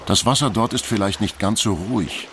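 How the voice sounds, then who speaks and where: A man reading scripted nature documentary narration in a measured, factual storytelling manner. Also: fairly low pitch, fairly bright tone, slight background noise.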